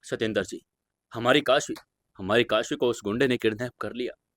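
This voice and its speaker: A man's voice: medium pitch, moderate pace, no echo, clean studio sound, natural voice. A man voicing a grieving, frantic mother. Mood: tearful. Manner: tearful, pleading, hushed.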